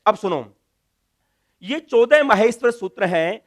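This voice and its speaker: A man's voice: high-pitched, lively intonation, a little slow. A man teaching Sanskrit grammar in a classroom lecture, drilling letters one by one and answering his own questions.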